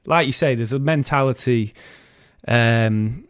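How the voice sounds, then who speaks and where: A man's voice: mid-range voice, unhurried, a bit bright, clean tone, dry recording, studio quality. A man in his thirties chatting casually and animatedly, rambling through a story about his life. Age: 30s. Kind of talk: casual podcast chat.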